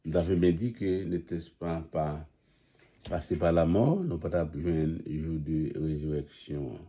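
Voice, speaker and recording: Man preacher, low voice, slow and halting delivery, dark tone. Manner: halting, with pauses and restarts. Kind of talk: sermon.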